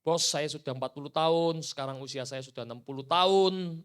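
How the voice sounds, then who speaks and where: A man's voice: on the high side, brisk, clean tone, natural voice. A male preacher voicing a tired old carpenter in a sermon story, speaking in a pleading, earnest way. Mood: weary pleading.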